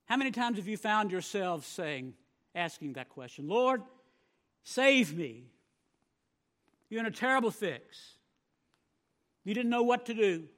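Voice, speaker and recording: A male pastor delivers his sermon in a high, ringing voice. He presses on key phrases and lets the loudness rise and fall, often repeating a word as he goes. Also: lively intonation, moderate pace. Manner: emphatic preaching with swelling volume and repeated words.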